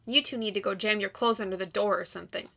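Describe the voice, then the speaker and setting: A woman's voice: medium pitch, steady tone, quick pace, creaky, bright, forceful tone, voice pushed down. A woman voicing a grumpy, bitter young loner in a visual novel, with a sullen, dry, complaining delivery. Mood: irritable.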